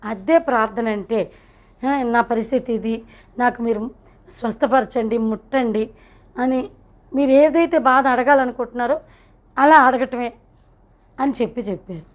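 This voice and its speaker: High-voiced woman telling her testimony. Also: normal speed, pauses often. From India. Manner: earnest, emotional retelling. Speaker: testimony speaker. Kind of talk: personal testimony storytelling.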